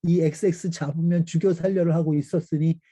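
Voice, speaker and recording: A middle-aged man, a missionary pastor, telling a personal story in a sermon with pauses and fillers. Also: on the high side, fairly even intonation, dark tone. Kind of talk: sermon testimony.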